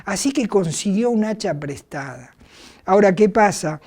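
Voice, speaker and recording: A woman's voice: mid-range voice, animated, moderate pace, warm tone, slightly rough. A middle-aged woman with an Argentine accent, preaching by retelling a Bible story, hesitant and full of fillers. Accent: Argentine Spanish. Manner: hesitant, many fillers and restarts.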